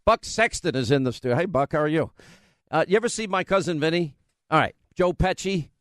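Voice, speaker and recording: A man's voice: a little high, lively intonation, fairly quick, a bit bright, no echo. A man from New York with a New York accent, hosting a political talk radio show in an emphatic, conversational way full of rambling asides.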